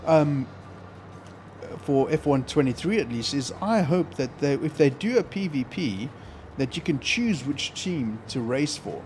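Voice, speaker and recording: A man's voice: fairly high pitch, lively intonation, a little slow, a little mellow, a little hiss or hum. A man with an Australian accent who streams games, chatting casually and joking with a friend. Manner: joking, laughs often. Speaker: game streamer. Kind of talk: casual gaming chat.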